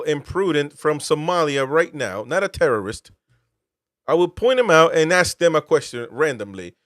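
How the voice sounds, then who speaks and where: A man's voice: fairly high pitch, no room sound, studio quality. A man from Peru, host and military veteran, giving political commentary with emphatic, incredulous rhetorical questions.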